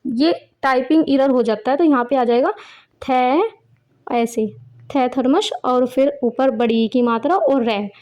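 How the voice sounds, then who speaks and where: Teacher type: woman, high bright voice, patient explainer for small kids, keeps asking and answering her own questions. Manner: explains in Hindi mixed with English words, asks herself questions. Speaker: English teacher for young children. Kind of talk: explaining a children's rhyme.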